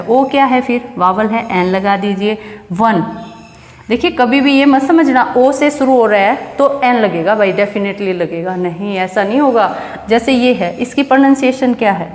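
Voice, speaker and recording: A woman's voice: a little high, darkish tone. Echoey woman teaching grammar. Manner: explains step by step, asks and answers her own questions. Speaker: English teacher. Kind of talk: classroom grammar lesson. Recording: echoey room with long reverb.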